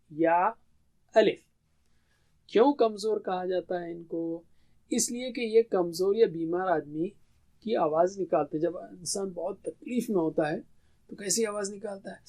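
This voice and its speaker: An Urdu-speaking man gives a classroom lecture on Quranic Arabic grammar, explaining it step by step and posing questions he then answers himself. His voice is high-pitched and warm.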